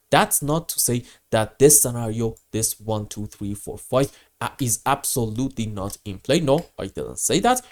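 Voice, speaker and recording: A man with a grating voice, hoarse from a cold, presenting chart commentary emphatically and answering his own questions. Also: medium pitch, a little mellow. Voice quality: grating, rough voice. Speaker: host of crypto market update.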